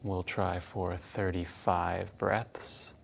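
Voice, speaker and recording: Calm guy doing guided breathwork, hushed n really slow, flat even tone, long pauses. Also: sits low, creaky, a little hiss or hum. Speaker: breathwork instructor. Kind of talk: guided meditation instruction.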